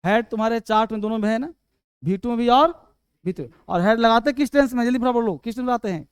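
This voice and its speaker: A man teaching English grammar, quizzing students and urging them to answer fast. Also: very high-pitched, smooth, no room sound, studio quality. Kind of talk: classroom lesson.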